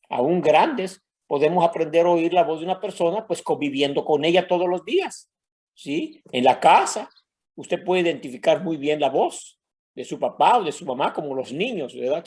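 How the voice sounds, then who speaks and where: This is an older pastor from Mexico with a Mexican Spanish accent, telling a personal story in his sermon and addressing the congregation as brothers. His pitch is fairly high, his tone a little mellow with slight roughness.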